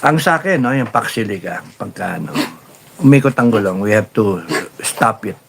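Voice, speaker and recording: A man hosting a casual live stream, reading viewer comments and telling stories in a rambling, animated way with many fillers. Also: on the low side, normal speed, creaky, background noise. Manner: rambling, animated storytelling with laughs and repeated fillers.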